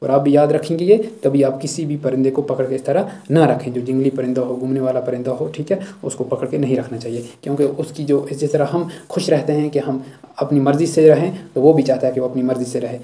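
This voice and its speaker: A man with a very dark, mellow voice teaches a school poem line by line. He recites each verse slowly, then breaks it down in plain explanation, often checking in with "thik hai". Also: medium pitch, steady tone. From Jammu and Kashmir.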